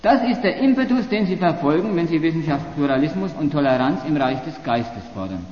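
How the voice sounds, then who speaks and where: A man's voice: fairly high pitch, animated, brisk, roomy sound, big-room sound, muffled recording. A man giving a polemical university lecture, arguing sarcastically and often restarting his phrases.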